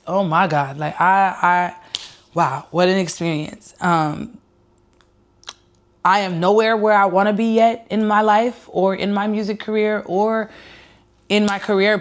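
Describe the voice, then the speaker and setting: Earnest woman singer telling a story. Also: lowish voice. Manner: emotional and earnest, addressing viewers directly; excited at first, quieter and heartfelt later. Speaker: independent singer and rapper. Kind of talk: casual story-time vlog.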